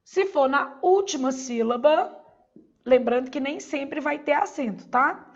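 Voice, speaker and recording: With lo-fi sound, a Brazilian woman gives a Portuguese exam-prep lesson at an unhurried pace. Her voice sits high and is expressive, and she teaches didactically, raising questions and answering them herself.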